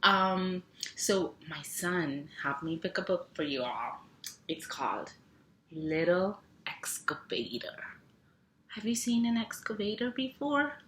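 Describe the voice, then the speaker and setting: A children's teacher reads a picture book aloud to young children slowly and animatedly, in a lowish, slightly bright voice with lively intonation. She's sing-song, stretching and repeating sound words and asking the kids simple questions. The recording has a roomy echo and clear background noise.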